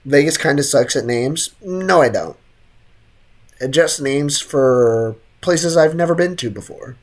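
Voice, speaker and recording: Speaking a little slowly in a low, expressive voice, a woman game streamer offers casual live commentary on her gameplay. She's slangy, teasing, and reactive, and her throat sounds a bit sick.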